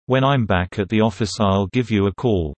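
Low-voiced man reading lesson phrases. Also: darkish tone, no echo. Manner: measured, clear phrase-by-phrase reading. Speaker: phrase reader.

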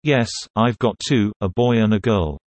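A man reading short translated phrases for a language lesson in a measured, clear way. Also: lowish voice, a little mellow, dry recording, lo-fi sound. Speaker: phrase reader.

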